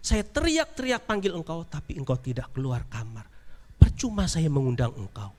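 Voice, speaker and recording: A man's voice: big pitch swings, normal speed, warm tone, big-room sound. A man voicing a desperate wealthy man who pleads and complains indignantly while telling a story in a sermon. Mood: pleading. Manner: pleading, indignant, voice raised high.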